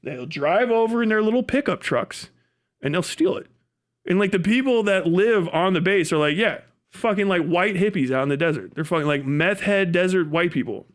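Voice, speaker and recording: An American man with a high-pitched voice, speaking at normal speed, live streams rambling, casual stories full of profane slang and comic exaggeration. He breaks into laughter at his own tales.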